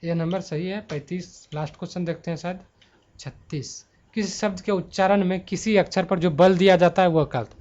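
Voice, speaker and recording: A man with a high, darkish voice and fairly even intonation talks fairly quickly through a grammar exam-prep lesson, reasoning aloud and fixing his own mistakes. He records at home on a handheld mic by his laptop, and the sound is dull and lo-fi with a little hiss or hum.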